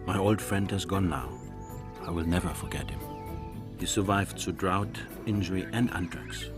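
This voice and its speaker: A man's voice: deep voice, normal speed, over music. A middle-aged man, a wildlife filmmaker, giving first-person narration in a nature documentary.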